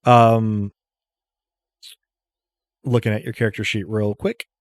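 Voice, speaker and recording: A man acting as game master, improvising casual narration in a halting way, thinking aloud as he goes. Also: on the low side, level tone, no echo.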